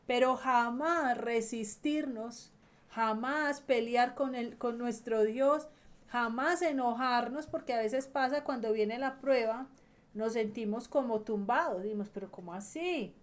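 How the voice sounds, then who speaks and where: High-voiced woman preaching earnestly. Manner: earnest, slows and stresses key phrases, trails off softly at ends. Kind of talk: sermon.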